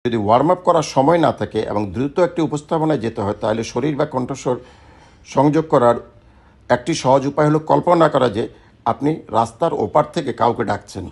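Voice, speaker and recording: Husky male voice coach demonstrating drills. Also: mid-range voice, brisk, a little mellow. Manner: demonstrates drills with repeated syllables and lip trills. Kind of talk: instructional voice lesson.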